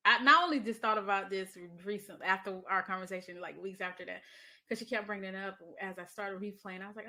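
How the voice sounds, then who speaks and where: A woman's voice: mid-range voice, bright, forceful tone. A middle-aged woman hosts her podcast, telling a story in a casual, chatty way with plenty of asides and laughter. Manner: chatty, laughs often, lots of fillers and asides. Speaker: podcast host.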